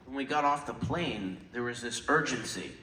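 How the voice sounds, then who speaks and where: A man chatting on a convention panel, halting and restarting, with dry asides. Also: medium pitch, animated, sharp tone, a little hiss or hum. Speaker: panel guest. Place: large convention hall. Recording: echoey hall, far mic.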